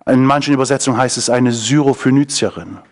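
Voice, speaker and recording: A man's voice: mid-range voice, fast talker. A man preaching a sermon, often asking his listeners questions. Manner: engaging, asks the audience questions.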